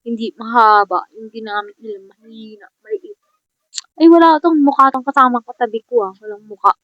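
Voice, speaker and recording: Slightly fast and a little high, a young woman's voice runs casual gameplay commentary, teasing her audience, muttering to herself and laughing a lot. The recording is dry with a dull lo-fi quality.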